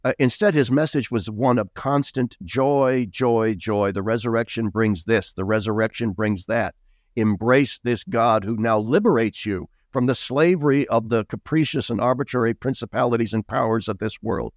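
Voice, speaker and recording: A man's voice: medium pitch, normal speed, no echo, studio quality. A middle-aged man speaking as a guest author in an interview, earnest and emphatic, with bursts of raised emphasis. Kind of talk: interview conversation.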